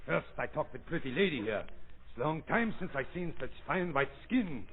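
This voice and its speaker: An actor playing a bitter, undersized mad scientist of about fifty who gloats and sneers in broken English, in 1930s radio acting on a scratchy old radio broadcast recording. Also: male voice, on the high side, lively intonation, moderate pace, narrow, tinny audio.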